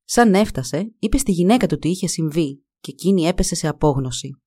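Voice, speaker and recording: A woman narrating a folk tale in a calm, measured storytelling voice. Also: lowish voice, breathy edge.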